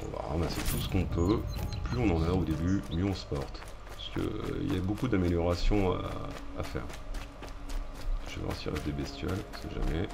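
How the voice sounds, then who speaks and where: A man's voice: low-pitched, normal speed, vocal fry, background noise. A man giving casual let's-play commentary as a streamer, chatty, slangy and joking as he addresses his viewers. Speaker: gaming streamer. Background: game music.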